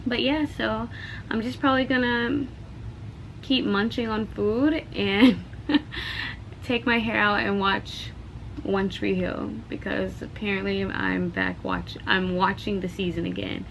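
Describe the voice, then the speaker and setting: Slow-talking chatty woman vlogger. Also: mid-range voice, expressive, slight background noise, low-quality recording. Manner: chatty, asides to viewers, self-teasing. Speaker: hair care vlogger. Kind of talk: casual vlog chat.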